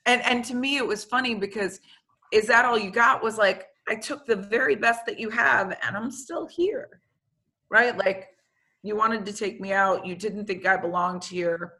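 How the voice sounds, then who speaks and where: A woman's voice: medium pitch, moderate pace. A woman who works as a football coach, telling stories in a casual interview and acting out the people she quotes. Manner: animated, acts out quoted dialogue.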